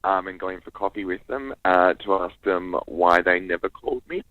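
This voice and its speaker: A man's voice: low voice, moderate pace, dry recording. A man with an Australian accent chatting as a comedian guest in a camp, self-deprecating way. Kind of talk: casual comic chat. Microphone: phone call. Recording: dull, close phone line.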